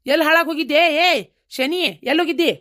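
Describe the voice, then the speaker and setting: A woman's voice: sits high, fairly even intonation, quick pace, fairly bright tone. A woman voicing a complaining, henpecked middle-aged village husband in a cartoon, with a North Karnataka Kannada accent. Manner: complaining, whiny grumbling. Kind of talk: cartoon comedy voice acting.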